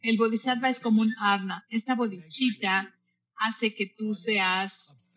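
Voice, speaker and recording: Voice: medium pitch, fairly even intonation, measured pace, pushed and bright, rough recording. A Buddhist teacher giving a spoken lesson, often repeating and restarting words mid-phrase and turning to the listeners with direct questions and asides.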